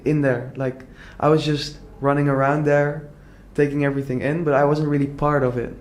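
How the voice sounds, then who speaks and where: Appearing as a guest in an interview, this young man from the Netherlands talks about his entrepreneurial work in a casual, earnest way. He uses lots of "like" fillers and restarts, and his slightly high voice has a flat delivery at normal speed.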